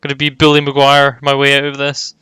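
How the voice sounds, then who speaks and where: Bright, joking male streamer. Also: medium pitch, monotone, a little fast, clean tone, no echo. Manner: joking, laughs easily, sets the rules. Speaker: streamer leading the group. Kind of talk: casual game stream chat.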